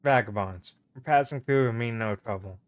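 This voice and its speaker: A man voicing a polite, eager female bard in a game, with a bright, courteous manner. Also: medium pitch, moderate pace, pitched below the performer's own voice, close to an everyday voice.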